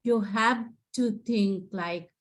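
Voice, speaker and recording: A mid-range voice that takes its time belongs to a psychotherapist presenter lecturing students. She comes from Sri Lanka, speaks Sinhala natively with a Sri Lankan accent, and encourages her audience, often tagging points with "right?"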